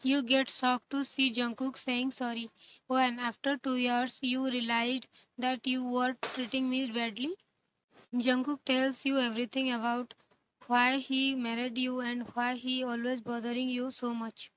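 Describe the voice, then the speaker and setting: A woman reading a fan-fiction story aloud in a flat, monotone way with odd pauses. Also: on the high side, slight background noise. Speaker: narrator. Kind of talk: scripted fan-fiction narration. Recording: dull lo-fi sound.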